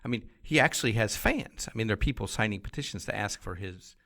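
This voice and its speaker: Sardonic man with a gravelly low voice. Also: expressive, quick pace, bright, forceful tone. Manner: blunt, sardonic. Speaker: guest commentator. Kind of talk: podcast conversation.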